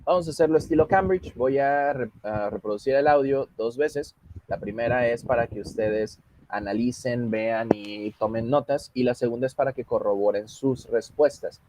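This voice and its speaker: A man's voice: mid-range voice, normal speed, darkish tone, a little hiss or hum. Patient man teaching English. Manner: explains patiently, switches between Spanish and English. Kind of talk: online class instruction.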